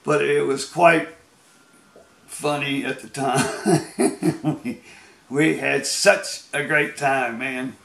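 Rambling, gravelly American man. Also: medium pitch, steady tone, slow, pauses often, a bit bright, echoey room. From United States. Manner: rambling, laughing, folksy. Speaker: storyteller. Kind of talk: casual storytelling.

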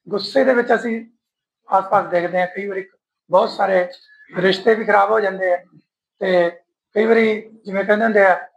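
A Punjabi lyricist with a strained throat, speaking at an honour ceremony and singing his own songs slowly between remarks. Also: high voice, creaky, highs cut off. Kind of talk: speech with sung verses at an honour ceremony.

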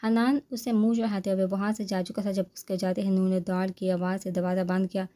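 A woman reads a romance novel aloud in a steady, unhurried narration. Her voice is mellow and soft at the edges, and her pitch stays level, with little melody. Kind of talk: novel reading.

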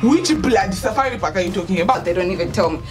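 With a medium-pitched, expressive voice, a young Kenyan woman rattles off a story at rapid-fire speed while music plays behind her. She's at home indoors near an open doorway, talking casually to camera, dramatizing the dialogue and mixing in Swahili.

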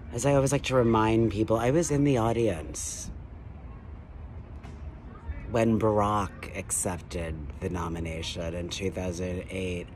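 A man in his thirties, rambling and lecturing excitedly into a phone held at arm's length outdoors. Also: on the low side, slow pace, long pauses, a little hiss or hum. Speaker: vlogger. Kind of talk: rambling selfie monologue. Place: outdoors by a building wall.

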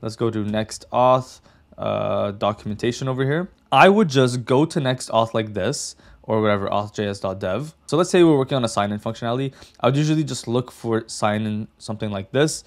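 A man's voice: medium pitch, expressive, brisk. A young man hosting a casual coding tutorial, chatty and direct, often saying "like" and "okay". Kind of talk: casual screen-share tutorial.

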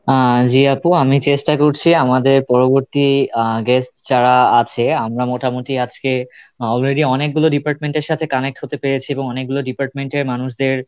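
A man's voice: mid-range voice, flat delivery, a little fast, darkish tone, smooth, dry recording, dull audio. A young man co-hosting a student radio show, earnest and full of filler sounds. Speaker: radio co-host.

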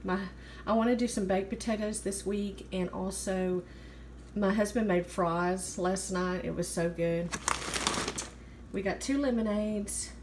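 A woman's voice: mid-range voice, fairly even intonation, a little slow. An American woman in her thirties narrating a haul in a chatty, informal way, as a vlogger on a handheld phone. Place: home kitchen, indoors. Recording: clear background room noise.

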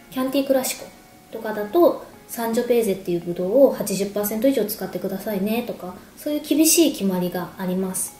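A woman's voice: medium pitch, warm tone. A woman in her thirties giving a casual explanation to camera while sipping a drink and snacking. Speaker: wine explainer, video host. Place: echoey indoor room at home. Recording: echoey room with background music. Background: music.

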